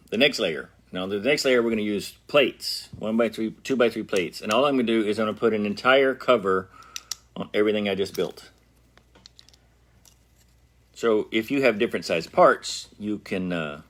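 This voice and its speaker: A man's voice: fairly low pitch, moderate pace, long pauses, a bit bright. A middle-aged man hosting a casual brick-building tutorial, chatting playfully and straight to his viewers as he works. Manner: chatty and playful, talks straight to viewers, hums and jokes while working. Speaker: brick-building channel host.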